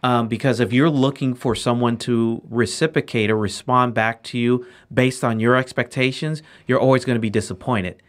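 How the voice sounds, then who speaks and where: A man's voice: medium pitch, fairly even intonation, normal speed, few pauses. A man co-hosting a podcast, giving earnest advice in a casual way with a touch of humor. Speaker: podcast co-host.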